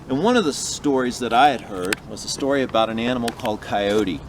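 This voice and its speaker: Easygoing ranger, outdoors. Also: male voice, medium pitch, expressive, brisk, background noise. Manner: easygoing, storytelling, gentle. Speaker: park ranger. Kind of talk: guided nature hike talk. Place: outdoors in the woods.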